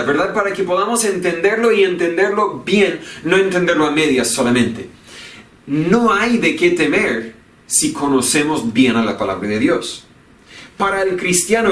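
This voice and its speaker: A man's voice: on the high side, a bit bright. A pastor preaching a sermon earnestly, repeating his key phrases for emphasis. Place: church sanctuary. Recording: echoey church from far off.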